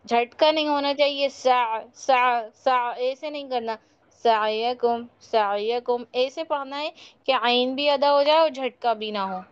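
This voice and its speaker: A woman's voice: high voice, moderate pace, highs cut off. A woman teaching Quran recitation in an online class, patiently correcting her students step by step.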